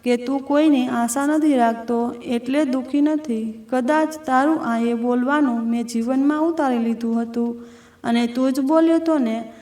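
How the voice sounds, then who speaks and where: An earnest, strong-minded woman opens up to a close friend in reflective, heartfelt words, voiced by a storybook narrator. Her voice is high-pitched. It echoes in a roomy space, picked up from a distance. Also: steady tone, a little slow, dark tone. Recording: roomy echo from a distant mic.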